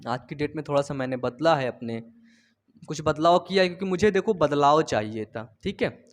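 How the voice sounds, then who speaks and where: A man's voice: fairly high pitch, animated, a little fast. A young man teaching biology in a loose, chatty way, drifting into personal stories and checking in with tag questions. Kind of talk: informal Hindi class lecture. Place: home studio.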